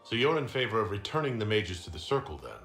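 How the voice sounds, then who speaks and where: An actor playing a composed, direct fantasy hero in a video game, speaking politely and formally, with a probing manner. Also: male voice, on the low side, very animated, fast, vocal fry, fairly bright tone, heavily acted. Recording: reverberant room with faint music underneath.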